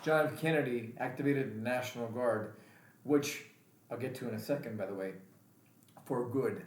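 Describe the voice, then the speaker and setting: A man's voice: medium pitch, normal speed. A male veteran vlogger giving an angry, emphatic political rant and repeating his points. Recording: roomy echo.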